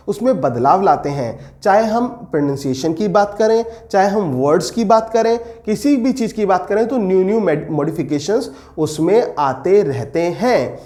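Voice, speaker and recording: A man teaching English pedagogy for teacher exams, posing questions to his students and slowing down to dictate definitions. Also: high voice, mellow. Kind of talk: exam-prep lecture.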